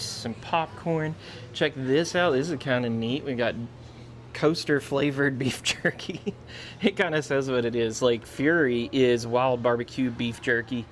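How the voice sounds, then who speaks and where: A man's voice: mid-range voice, a little hiss or hum. An American man vlogging casually on location, with an enthusiastic, folksy way of talking. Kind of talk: casual on-location vlog chat. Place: theme park, shop and outdoor food areas. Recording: music behind, outdoor park sound.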